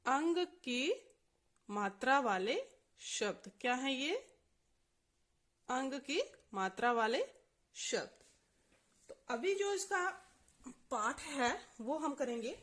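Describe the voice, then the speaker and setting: A woman teaching a reading lesson at a very slow, drawn-out pace. She sounds out each letter and syllable separately, then joins them into the whole word. Her voice sits a little high, and she asks questions and answers them herself. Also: animated, a bit bright. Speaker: Hindi teacher. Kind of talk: slow spelling-out lesson for children.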